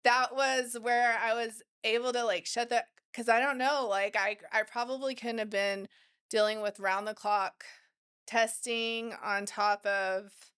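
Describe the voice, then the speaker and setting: A woman's voice: fairly high pitch, fairly even intonation, measured pace, fairly bright tone, smooth. A woman, a business owner and podcast guest, telling her story in casual, frank conversation. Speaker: guest entrepreneur. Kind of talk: casual interview chat.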